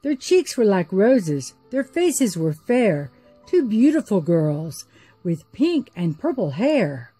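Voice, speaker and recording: A woman narrating a rhyming story in an expressive, sing-song way. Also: mid-range voice, husky, dry recording.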